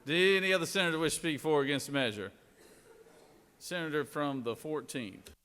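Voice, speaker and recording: A man presiding over a legislature, moving through formal procedure with informal, drawn-out phrasing. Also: fairly high pitch, pushed and bright, clean tone. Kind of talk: formal parliamentary procedure with offhand asides. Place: large indoor Senate chamber. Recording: echoey legislative chamber, long reverb.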